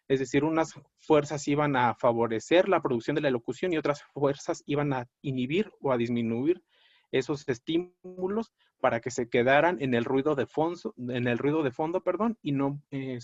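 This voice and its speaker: A man lecturing on a clinical topic in a measured, explanatory way, often pausing on fillers and correcting himself mid-word. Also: medium pitch, a little mellow, no echo. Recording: dry, dull lo-fi audio.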